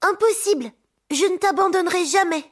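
A woman's voice: very high voice, a little fast. A woman voicing a brave, loyal young girl in a storybook, talking with a hesitant, feigned naive tone. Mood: determined. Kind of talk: storybook narration with acted voices.

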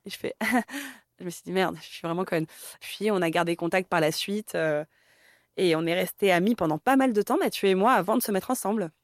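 Candid and casual, a Paris-born woman in her thirties answers as an interview guest in a medium-pitched voice, speaking a little fast and leaning on many fillers. The recording is dry and clean, like a studio.

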